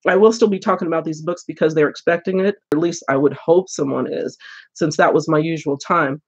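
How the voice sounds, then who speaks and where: A woman's voice: sits low, steady tone, a little fast, slightly rough, lo-fi sound. An older woman hosting a casual book live stream with a head cold, chatty and laughing often as she greets viewers. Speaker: booktube host.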